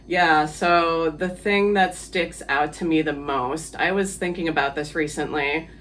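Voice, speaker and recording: A man's voice: fairly high pitch, fairly even intonation, unhurried, a bit bright, slight background noise. A man from the Philippines, a guest on an interview podcast, talking casually and hesitantly with many fillers and easy laughs.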